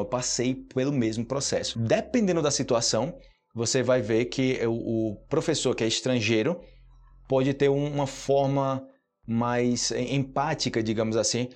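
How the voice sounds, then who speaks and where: A Brazilian man with a medium-pitched, slightly mellow voice hosts a podcast that teaches Portuguese. He talks casually and checks in often with his listeners, recording indoors in a hot room.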